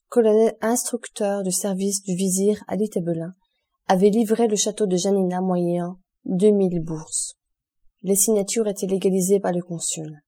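A woman reads a classic novel aloud for an audiobook, keeping a steady, measured pace. Her tone is very dark and mellow, sitting at an ordinary pitch. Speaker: audiobook reader.

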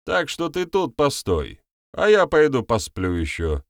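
A man's voice: medium pitch, wildly swooping pitch, measured pace, no echo, clean studio sound, voice pushed up. A man voicing a nervous, lying male villager who whines and protests shrilly. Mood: sly.

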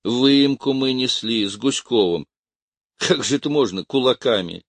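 Man putting on a whiny gendarme, plaintive, slightly raised pitch, dry sound. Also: a little slow, no echo. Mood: defensive. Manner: whining, tearful reporting. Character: whiny simple male gendarme.

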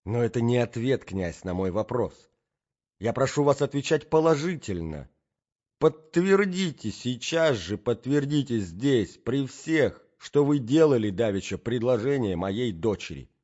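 A man's voice: medium pitch, very animated, unhurried, a little mellow, pitched above the performer's own voice. A man voicing an imperious middle-aged matron who presses her demands with indignation, in a dull lo-fi recording. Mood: demanding.

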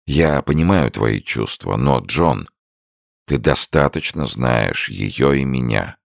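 A man voicing a weary, gravely ill old father speaking solemnly to his son. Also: rumbling low, expressive, slow, no room sound, clean studio sound, full character voice. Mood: tender. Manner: tired, solemn.

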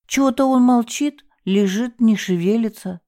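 A woman's voice: a little high, moderate pace, mellow, pitched above the performer's own voice, lightly acted. A woman voicing a flustered, scatterbrained young female hotel receptionist who babbles and whimpers in fright. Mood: flustered, whimpering.

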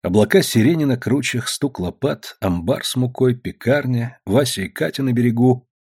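A man narrating an audiobook with measured storytelling. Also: medium pitch, lively intonation, a little mellow, slightly rough. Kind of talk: audiobook reading.

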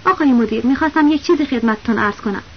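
A woman's voice: sits high, lightly acted. A woman reading a flustered young impostor pleading. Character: flustered young male impostor teacher, desperate. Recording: dull lo-fi audiobook recording with faint hiss.

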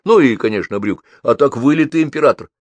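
A man narrating a first-person story as an audiobook reader, in a lively, expressive reading. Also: fast, no room sound, lo-fi sound. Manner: lively, expressive reading with wide pitch swings.

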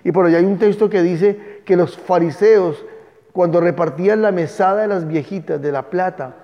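A man's voice: high-pitched, moderate pace. A man teaching a Bible class, speaking emphatically and stopping to dictate spellings to his students. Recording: echoey, dull room recording.

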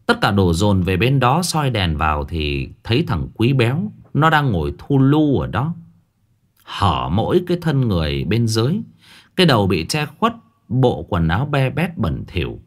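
A man narrating a ghost story in an expressive storytelling manner. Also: on the low side, normal speed.

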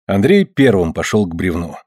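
In an expressive audiobook reading, a male narrator with a husky voice tells a story, letting his pitch rise and fall freely. He reads at a moderate pace, and the recording is dry and close.

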